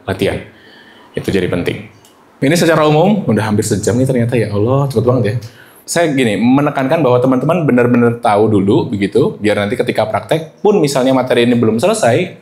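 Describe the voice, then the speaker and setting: A man in his thirties teaches a presentation workshop. He is lively and demonstrative, breaking into quick high and low example voices. His own voice sits at an ordinary middle pitch. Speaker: presentation trainer. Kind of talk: workshop lesson.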